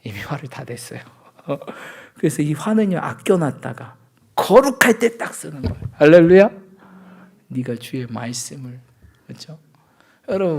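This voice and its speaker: A pastor preaching to his congregation at a Friday night church service, his voice sitting a little high for a man. He talks in an animated way, acts out everyday quarrels in little scenes, and keeps turning to the room for agreement. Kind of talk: sermon.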